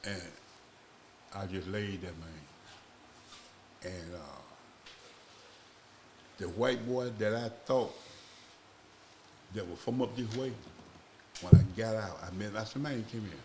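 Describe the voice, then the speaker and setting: A man, a podcast guest telling a long, rambling story in a slow, casual way. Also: on the low side, darkish tone, a little hiss or hum. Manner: slow, rambling, acts out voices in his stories.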